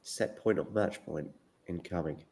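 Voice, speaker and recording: A man with a fairly low voice hosts a live sports watchalong. He talks casually, giving running commentary as the match unfolds. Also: measured pace, creaky, a little mellow. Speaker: watchalong host.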